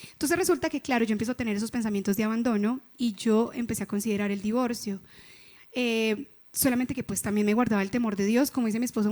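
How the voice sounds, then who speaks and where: A woman's voice: fairly high pitch, darkish tone. A woman, earnestly giving a confessional church testimony about her marriage, with a preaching tone. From Colombia. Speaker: wife sharing a testimony.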